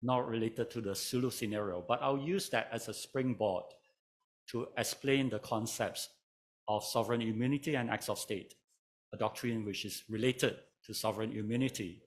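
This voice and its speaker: A man speaks at a conference panel in a somewhat low voice. He walks through his points in a calm, measured way, like someone telling a story. A dry wit runs under his talk. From Malaysia. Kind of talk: conference lecture.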